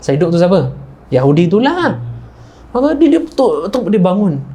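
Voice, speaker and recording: Malaysian male preacher, mellow tone, lively storytelling sermon with voiced characters. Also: normal speed, slightly rough. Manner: animated storyteller, acting out characters with raised pitch. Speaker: ustaz preacher.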